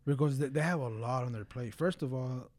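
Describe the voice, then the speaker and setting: A man's voice: medium pitch, fairly quick, a little mellow. A man talking casually and earnestly about religion in a blunt way, often peppering his speech with slang and filler phrases. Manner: blunt, earnest, frequent "bro" and "you know".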